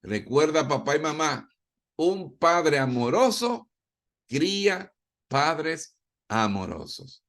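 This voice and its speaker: A man's voice: on the high side, big pitch swings, slow, fairly bright tone. A man from Ecuador giving a parenting talk, emphatic, repeating his key points and acting out short scenes between parents and children. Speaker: parenting speaker.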